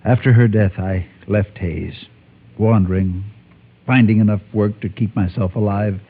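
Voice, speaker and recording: Gravely and in halting bursts, a guilt-ridden ex-gunfighter who became a preacher makes his haunted confession, voiced by a man acting in vintage 1950s Western radio style. The low, husky voice holds a steady tone. Muffled and tinny, the old radio recording sounds thin, almost like a phone line.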